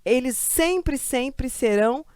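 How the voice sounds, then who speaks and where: A woman from Brazil teaching a grammar lesson for exam prep, lively and chatty, asking questions and answering them herself. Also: high voice, slow pace, smooth, dry recording, studio quality.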